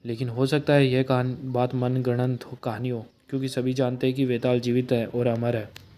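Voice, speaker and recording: A man reading a comic book aloud, narrating and voicing every character in a plain, steady way. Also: medium pitch, normal speed.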